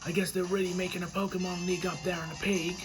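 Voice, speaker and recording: A man voicing a cheerful, chatty teenage boy from a video game, musing out loud. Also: sits high, level tone, fast talker, over music, pitched above the performer's own voice, lightly acted.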